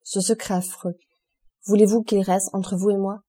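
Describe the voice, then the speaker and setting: A solemn, earnest young man who is a devoted friend, speaking in measured, low tones in a classic audiobook, as a woman reader puts him on. The voice is very dark and mellow. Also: flat delivery. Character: grave loyal young male friend, journalist.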